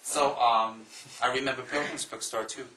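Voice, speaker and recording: A man from Taiwan, a Buddhist monk, giving a slow, emphatic Dharma talk to an audience, repeating phrases and adding joking asides. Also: medium pitch, steady tone, bright, forceful tone, reverberant, poor audio.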